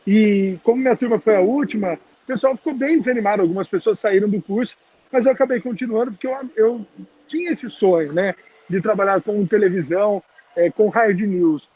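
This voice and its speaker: A high-voiced man speaks informally through a face mask. His voice is husky and muffled, and the video call sounds dull. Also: a little fast, a little mellow. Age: around 30. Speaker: guest speaker, TV journalist. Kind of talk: informal career talk to students. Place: public place, on a video call.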